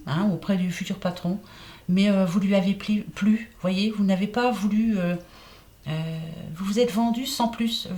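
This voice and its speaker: Chatty woman reading oracle cards. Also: medium pitch. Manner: chatty, repeats herself, fillers like hein and voilà. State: lisping slightly. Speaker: oracle card reader. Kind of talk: casual card-reading guidance.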